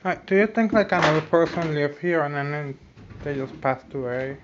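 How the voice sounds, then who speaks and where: A man's voice: on the high side, moderate pace, lo-fi sound, background noise. A laid-back man chatting while exploring an abandoned house, recorded on a phone. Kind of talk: casual chat while exploring. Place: dark abandoned house, indoors. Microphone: phone camera.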